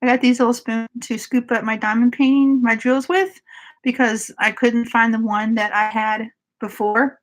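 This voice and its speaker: A woman's voice: on the high side, steady tone, normal speed, poor audio. A woman, chatting casually with viewers during a craft live stream and often laughing. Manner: chatty, giggly, talks to viewers by name.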